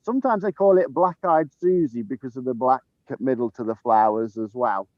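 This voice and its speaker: A man's voice: medium pitch, moderate pace, no echo, highs cut off. A man, the head gardener, chatting casually outdoors in a sunny garden as he films on a handheld phone, chuckling often between ums. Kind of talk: casual garden tour chat. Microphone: handheld phone camera while walking.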